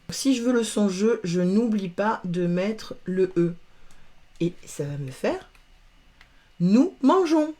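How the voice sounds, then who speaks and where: Slow, patient grammar teacher, woman. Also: medium pitch, darkish tone. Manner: patient, spells out letters and sounds. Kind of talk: slow, careful grammar lesson.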